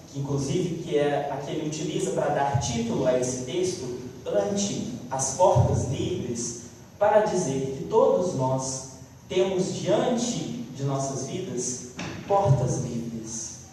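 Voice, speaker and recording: Male lecturer, expressive storyteller, slightly high voice, echoey far-off hall recording. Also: slow, a little hiss or hum. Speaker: spiritist lecturer.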